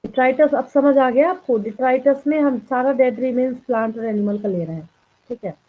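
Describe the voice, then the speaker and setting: A woman biology teacher with a high voice lectures her class, slowly dictating notes word by word and frequently checking that students are following. The audio sounds tinny, like a phone.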